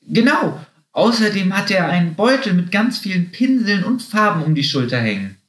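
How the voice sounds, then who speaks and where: A man's voice: sits high, very animated, normal speed, fairly bright tone, voice pushed up. A man voicing a chatty little female bunny in a children's story. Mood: knowing. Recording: roomy echo.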